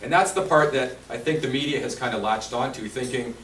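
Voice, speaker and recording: Brisk and fairly bright in tone, a man with a mid-range voice delivers a conversational insurance talk, putting questions to the room. It takes place in a meeting room at a seniors' residence, and the recording sounds roomy, distant and faintly hissy.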